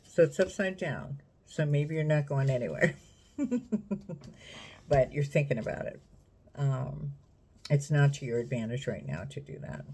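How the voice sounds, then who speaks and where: A woman reading tarot cards in a casual, unhurried way, musing aloud and talking straight to the viewer. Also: deep voice, a little mellow, slightly rough. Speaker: tarot reader.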